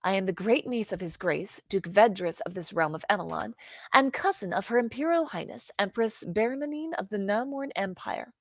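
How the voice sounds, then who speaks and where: A woman voicing a brisk, kind and stubborn young noble girl, talking in a firm, proper way. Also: mid-range voice, lively intonation, no echo. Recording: dry, dull lo-fi recording.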